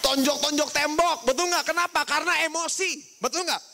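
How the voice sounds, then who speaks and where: A young man preaching to a youth group, lively, often asking the crowd "right?" and mimicking people with bleep sounds. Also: extremely high pitch, brisk. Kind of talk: youth sermon.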